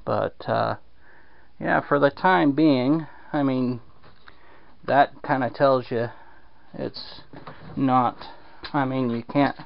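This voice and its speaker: A man with a slow, mid-range voice and vocal fry casually rambles and drawls, using many fillers, while showing a home repair in a damp basement on a handheld camera. The dull, lo-fi audio carries a little hiss or hum.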